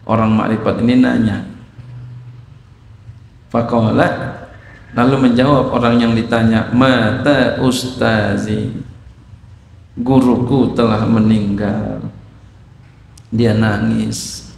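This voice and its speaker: Male preacher, gravelly voice, teaching line by line, big echoing hall. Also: lowish voice, level tone, slow, long pauses, a little mellow, slight background noise. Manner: explains Arabic text phrase by phrase, asks the audience questions. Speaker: Islamic teacher. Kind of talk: sermon. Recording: echoey hall.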